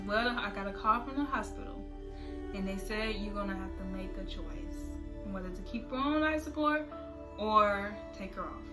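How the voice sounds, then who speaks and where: Woman vlogger from South Florida, mid-pitched, soft-spoken storyteller, gentle music underneath. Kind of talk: storytime vlog. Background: soft background music.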